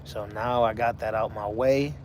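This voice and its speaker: Male, 40s, livestream host. Easygoing, flat delivery, light vehicle noise behind. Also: fairly low pitch, moderate pace. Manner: laid-back, talks to chat viewers by name. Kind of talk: casual live chat.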